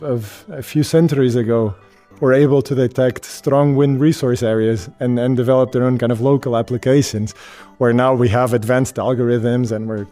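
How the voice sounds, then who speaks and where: A man from Portugal, an industry representative, explaining in an interview in a halting way that repeats words at the start of phrases. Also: medium pitch, dark tone. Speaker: wind energy company representative.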